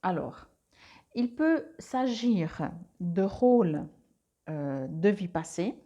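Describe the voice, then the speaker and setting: Slow, dark-voiced woman reading cards. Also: lowish voice, very animated, highs cut off. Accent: Swiss French. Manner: hesitant, many "euh" and restarts. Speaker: tarot card reader. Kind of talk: casual monthly card reading. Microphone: clip-on mic.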